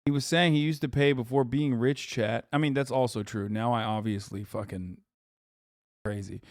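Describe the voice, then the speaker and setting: This streamer, a man in his thirties, reacts to videos live and talks to his chat in a profane, blunt, joking way. He speaks in a mid-range voice with a steady tone and normal speed; the studio-quality recording has no echo.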